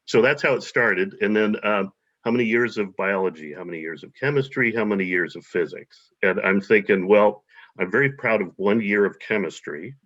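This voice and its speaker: Being interviewed casually as a guest, a man from the US speaks at normal speed in a voice on the low side that is a bit bright. His speech is hesitant, with many fillers and restarts. The recording is dull and lo-fi.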